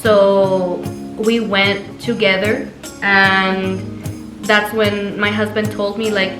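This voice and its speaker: A woman's voice: mid-range voice, level tone, slow pace. A woman, a wife and family vlogger, telling a personal story to the camera in an earnest, reflective way. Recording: echoey room with soft music.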